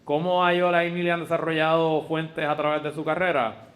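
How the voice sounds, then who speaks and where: A man's voice: a little high, level tone, a little fast, a bit bright. A man, giving frank advice in a casual panel discussion and dropping in English words. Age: 40s. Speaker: panelist, communications professional.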